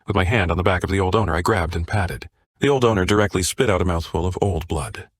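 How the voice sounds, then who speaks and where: A man narrating a comic story recap in a flat, even reading style. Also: sits low, quick pace, dry recording, studio quality.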